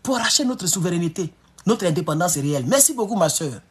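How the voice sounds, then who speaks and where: A man giving excitable, emphatic political commentary on a live stream. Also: high-pitched, quick pace, breathy edge.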